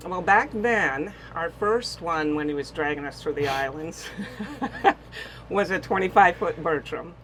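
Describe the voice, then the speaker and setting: An older Bahamian woman with a low, slightly slow voice chats casually as a guest boater in an interview aboard a small boat, telling stories packed with fillers. Crowd noise surrounds her, and the recording quality is poor.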